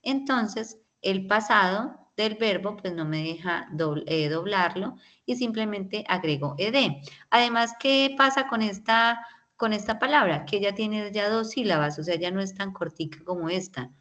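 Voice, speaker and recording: Speaking at medium pitch, unhurried and a little bright, this woman teaches English grammar online. Patient and explanatory, she keeps checking in with the class and tags many of her sentences with questions.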